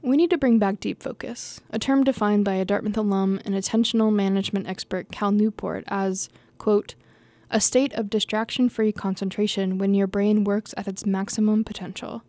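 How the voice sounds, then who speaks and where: A young woman reads her own essay aloud at an even, middling pitch, her tone dark and mellow. The recording is close and dry. She sounds casual and easygoing, restarting lines and laughing at her own stumbles. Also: moderate pace, few pauses, no echo. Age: young adult. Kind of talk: reading an essay aloud with unscripted asides.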